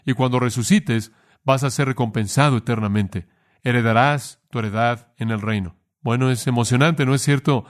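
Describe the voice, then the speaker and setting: An earnest male preacher delivering a sermon in a steady, mid-pitched voice. He poses rhetorical questions and answers them at once. He slows down to drive home key phrases before moving into a closing prayer.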